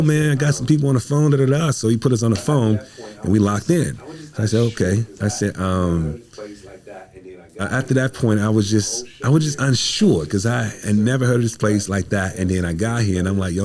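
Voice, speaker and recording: This low-leaning, fairly quick, slightly mellow voice belongs to an American playwright from the Midwest appearing as a podcast guest. Slangy and emphatic, he spins casual, animated stories and performs the dialogue he reports.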